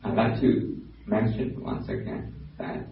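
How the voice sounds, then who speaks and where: A man with a Burmese accent, a Buddhist monk giving a dharma talk, pausing and restarting often as he searches for words. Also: a little hiss or hum. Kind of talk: dharma talk to a lay audience. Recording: very echoey hall, distant mic, dull lo-fi sound.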